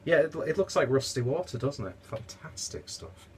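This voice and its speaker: A young man with a stuffy, congested voice reviews a beer in his home kitchen, rambling through asides and packing his talk with fillers. His voice sits on the high side, animated and a little mellow, at a normal speed. A slight hiss or hum runs under the audio.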